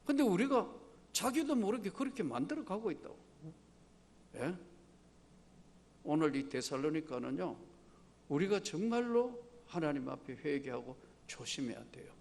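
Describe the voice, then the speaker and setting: A man's voice: a little high, sing-song, normal speed, creaky, pauses often, a little mellow, long reverb tail. An older man with a Gyeongsang accent, preaching a sermon as an emeritus pastor, emphatic and asking the congregation rhetorical questions. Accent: Gyeongsang Korean. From Daegu, Gyeongsang province, South Korea.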